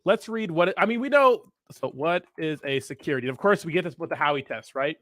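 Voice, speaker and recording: A man's voice: a little high, expressive, quick pace, a bit bright, dry recording, studio quality. A man hosting a casual livestream, talking with hyped frat-bro slang and swagger. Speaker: crypto livestream host.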